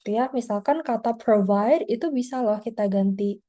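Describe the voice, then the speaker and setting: A woman teaches an online speaking-test class over a video call. Her voice sits a little high with a warm, mellow tone. She explains step by step in a relaxed, chatty way, tagging her points with small filler words. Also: normal speed. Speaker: IELTS teacher.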